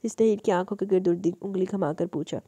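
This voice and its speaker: A woman narrating a romance audio novel in a steady storytelling manner. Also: mid-range voice, quick pace, husky, no room sound. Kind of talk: scripted narration.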